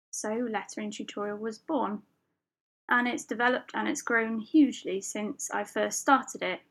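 A woman hosts her own solo podcast, chatting in a personal way with small fillers and the occasional laugh. Her voice sits at medium pitch, gravelly yet fairly bright.

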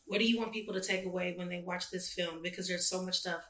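A woman's voice: lowish voice, steady tone, fast, a bit bright, slight background noise. A woman hosting a talk show, cheering her guest on with eager, affirming interjections. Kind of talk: casual interview chat. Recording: roomy echo.

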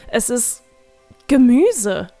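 A woman's voice: on the high side, sing-song, drawn-out words, mellow, no room sound, faint music behind, heavily acted. A woman reading a curious young boy who asks blunt, puzzled questions, in a dry, close recording.

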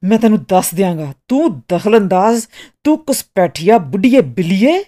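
A woman voicing a furious middle-aged male architect who shouts and stammers with rage, in an audiobook reading. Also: mid-range voice, big pitch swings, moderate pace, natural voice. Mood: enraged.

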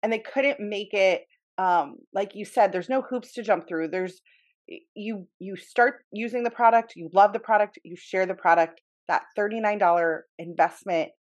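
Host: woman, upbeat, affirming, chatty, mid-pitched voice. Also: normal speed. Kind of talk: casual interview chat.

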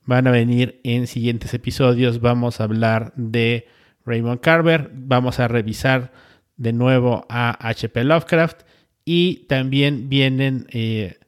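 A man hosting a podcast, talking casually and rambling with frequent pauses. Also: medium pitch, clear, resonant tone. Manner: rambling, with many filler sounds and restarts. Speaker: podcast host.

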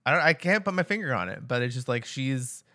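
Guy cohosting a podcast, bright voice, laid back, lots of um and like. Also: mid-range voice. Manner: relaxed, halting, filler-heavy. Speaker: podcast co-host. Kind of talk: casual podcast chat.

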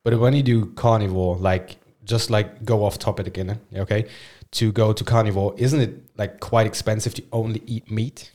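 A man's voice: on the low side, steady tone, normal speed, dark tone. A man with as his hosting a podcast, bantering crudely, swearing and cutting in with jokes. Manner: joking, interrupting, swears freely. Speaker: podcast host.

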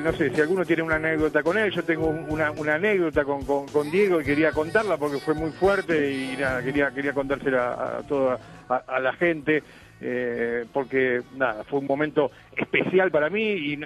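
A man with a Rioplatense accent, co-hosting a comic radio show and telling stories in halting bursts with many restarts. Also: a little high, soft background music, poor audio. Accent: Rioplatense Spanish. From Buenos Aires, Argentina. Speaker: radio co-host.

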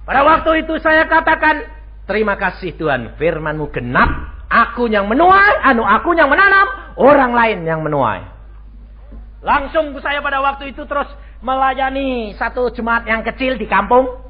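A man's voice: extremely high pitch, normal speed. A male pastor, preaching a sermon and acting out voices as he tells stories. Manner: animated storytelling, acting out dialogue voices. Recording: dull lo-fi radio stream with faint noise.

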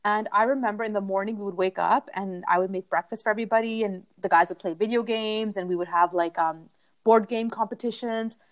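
A young woman co-hosting a podcast, telling a family story in a chatty, animated way, laughing often and full of "like" fillers. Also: mid-range voice, a little fast. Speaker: podcast co-host. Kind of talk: casual storytelling chat.

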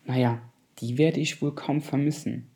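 A man's voice: medium pitch, fairly even intonation, normal speed, warm tone, natural voice. A man voicing a vain, proud male fish in a storybook reading, speaking in a haughty, dismissive way. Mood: reluctant.

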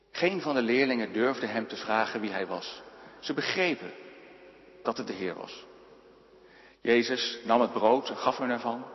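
A man reading a Bible passage aloud in a church, slow and solemn, with rising and falling delivery. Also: medium pitch. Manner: measured, solemn reading with lively rises and falls. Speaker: preacher reading scripture. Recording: dull sound in a long-reverb church hall.

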